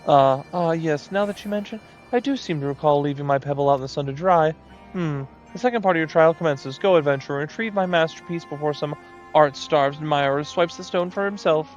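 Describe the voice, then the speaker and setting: A man's voice: a little high, brisk, highs cut off, soft background music, pitched above the performer's own voice, lightly acted. A man voicing a vain, fussy moogle painter in a pompous, theatrical manner. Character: vain, fussy moogle artist, grandly self-important.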